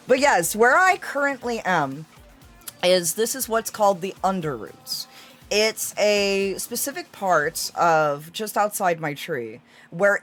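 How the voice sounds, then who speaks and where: A woman's voice: medium pitch, fairly bright tone. A woman hosting a casual livestream in character as a fae, chatting in an affectionate, theatrical, giggly way. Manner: affectionate, addresses listeners as darlings. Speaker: livestream host.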